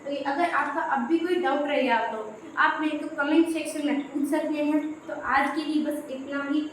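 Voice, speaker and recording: A woman's voice: high voice, steady tone, moderate pace. A woman teaching English grammar in Hindi, explaining step by step in a patient classroom manner. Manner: explains step by step, repeating "dekhiye". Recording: very echoey room, faint background noise.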